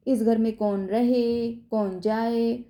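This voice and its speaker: A woman's voice: high voice, animated, moderate pace, voice pushed up. A woman voicing an angry, stubborn young wife who speaks sharply and defiantly. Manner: sharp, defiant, later tearful.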